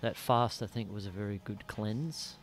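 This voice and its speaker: A man's voice: fairly low pitch, fairly even intonation, normal speed, faint music behind. An Australian man hosting a casual podcast chat in a small studio, talking in a rambling way and swearing freely. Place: small dim studio room. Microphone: studio mic on boom arm, headphones.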